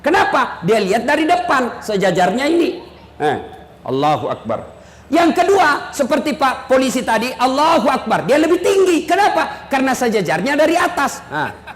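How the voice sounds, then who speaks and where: A male preacher giving a joking, emphatic sermon to an audience in a large hall, sometimes shouting. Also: extremely high pitch, sing-song, normal speed. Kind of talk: humorous sermon. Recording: echoey hall, faint noise.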